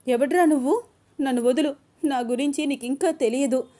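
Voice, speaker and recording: A woman voicing Anu, a hurt and defiant young woman who shifts from tearful pleading to shouting. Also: a little high, fairly even intonation, a little fast, pitched above the performer's own voice, natural voice. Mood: angry. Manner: tearful then shouting angrily.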